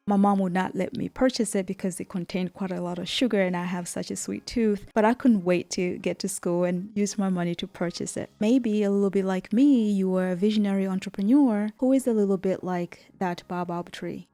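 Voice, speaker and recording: Mellow-voiced woman from Tanzania. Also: medium pitch, fairly even intonation, moderate pace, few pauses. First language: Swahili. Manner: warm storytelling, frequent "right?" tags. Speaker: business coach. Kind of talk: talking to camera.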